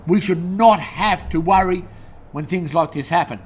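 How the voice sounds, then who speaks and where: An Australian man hosting his own show rants angrily to camera, rambling and swearing nonstop. His voice is high with a breathy edge, and he speaks at a moderate pace.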